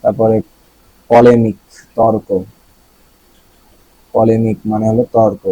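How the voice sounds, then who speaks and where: Husky-voiced Bangladeshi man teaching words. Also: fairly low pitch, dark tone, no echo, low-quality recording. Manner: casual, repeats words, asks the listener questions. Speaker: vocabulary teacher. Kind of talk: explaining vocabulary.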